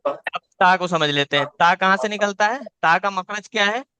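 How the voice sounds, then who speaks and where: Bright, clear-voiced male Quran teacher. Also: high-pitched, normal speed, no echo. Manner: patient, repeats points, demonstrates each sound aloud. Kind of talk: live online class, teaching letter sounds. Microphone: video call.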